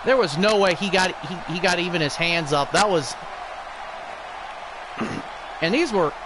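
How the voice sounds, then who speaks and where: A man streaming a wrestling game, talking excitedly and often clearing his throat. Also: high-pitched, unhurried, crowd noise, background noise. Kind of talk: casual game-stream commentary.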